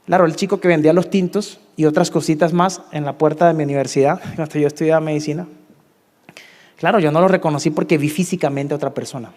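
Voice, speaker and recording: A man's voice: steady tone, fast talker. Colombian man preaching in a reverberant hall. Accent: Colombian Spanish. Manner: emotional storytelling, dropping to hushed tones and rising to emphatic highs. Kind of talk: testimony sermon.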